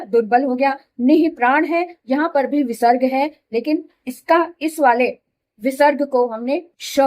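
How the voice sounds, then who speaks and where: A woman's voice: high voice, darkish tone. A woman teaching Hindi grammar, explaining each rule step by step, repeating examples and checking that students follow. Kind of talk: classroom explanation.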